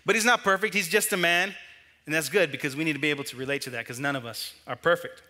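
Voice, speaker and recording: A bright, forceful young man gives a relaxed youth sermon. He talks in a chatty, joking way, tossing in quick asides and mock voices for the characters. His voice sits a little high. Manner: acts out the friends' lines in a mocking tone. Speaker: youth pastor.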